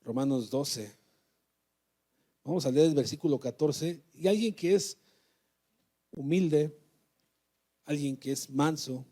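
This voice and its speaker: A man preaches in a church, his voice mellow and warm, sitting a little high for a man. He exhorts and keeps turning to the congregation with questions. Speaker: pastor. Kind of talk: sermon.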